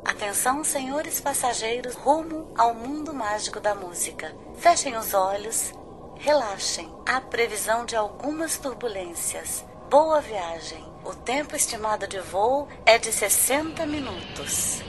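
A woman giving a calm, formal in-flight cabin address over a PA system, as the scripted intro of a show. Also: fairly high pitch, measured pace, background noise. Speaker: announcer playing a flight attendant.

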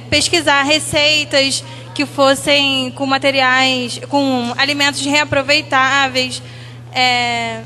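A woman teacher walks through her class projects with frequent pauses and self-corrections. Her voice sits high and bright, and a long hall reverb trails her words. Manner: hesitant, many fillers and restarts, reading from notes. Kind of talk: presentation of school activities.

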